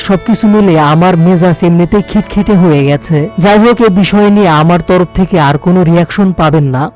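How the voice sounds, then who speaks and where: Guy doing celeb news voiceover, pretty high voice, bit of music under it. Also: darkish tone. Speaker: entertainment news narrator. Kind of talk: scripted news voice-over. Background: faint instrumental music.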